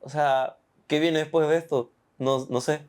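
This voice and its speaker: A man's voice: fairly high pitch, fairly even intonation, measured pace, a little mellow, clear, resonant tone. Earnest young Chilean man telling his story. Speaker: testimony guest. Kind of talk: personal faith testimony.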